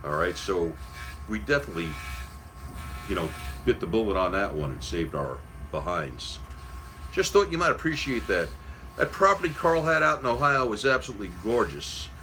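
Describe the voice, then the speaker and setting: Low-voiced middle-aged man. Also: very animated, moderate pace, bright, forceful tone, slight background noise, rough recording. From Queens, New York City. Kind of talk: casual storytelling.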